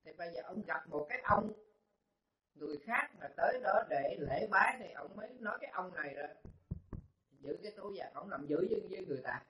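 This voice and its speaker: A male Buddhist monk tells folksy stories in a dharma talk, often repeating words and stopping on fillers. His voice sits high. The recording is roomy and muffled. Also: lively intonation, a little fast. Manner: folksy, repetitive, hesitant with fillers.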